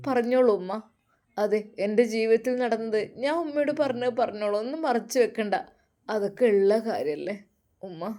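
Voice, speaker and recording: A woman's voice: a little high, moderate pace, warm tone, close to an everyday voice. A woman voicing a stern grown son who questions his mother insistently.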